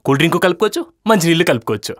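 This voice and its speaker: An actor playing a teasing, wisecracking young bachelor in a comedy web series. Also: male voice, a little high, very animated, very fast, fairly bright tone, no echo, studio quality. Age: young adult. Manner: teasing, philosophizing friend. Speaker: bachelor roommate.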